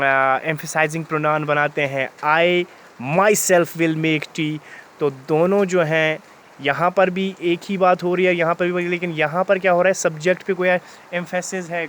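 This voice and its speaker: A man teaching English grammar in Hindi, reading example sentences out slowly word by word and calling his students "beta". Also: fairly high pitch, a bit bright, a little hiss or hum.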